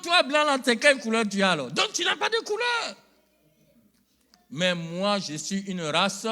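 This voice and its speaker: A middle-aged male pastor with an extremely high-pitched voice preaches a sermon in church. He calls out to the congregation and climbs to loud, emphatic peaks.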